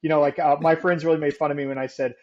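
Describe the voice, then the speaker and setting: A man's voice: on the high side, flat delivery, very fast, darkish tone, muffled recording. Chatty man with a faded Southern accent. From Savannah, Georgia. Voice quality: chatty, laughs often, filler-heavy storytelling. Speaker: podcast guest, real estate investor. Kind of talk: casual interview chat.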